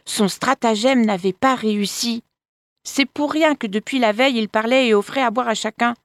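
A woman storyteller reading a folk tale aloud with expressive delivery, addressing her listeners directly. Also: on the high side, moderate pace, dry recording. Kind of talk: scripted narration of a folk tale.

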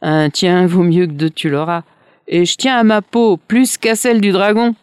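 A storyteller voicing a brave young male wanderer who loves his dogs, speaking earnestly and calling out loudly. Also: mid-range voice, fairly even intonation, normal speed, smooth, no room sound, clean studio sound, lightly acted. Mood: cheerful.

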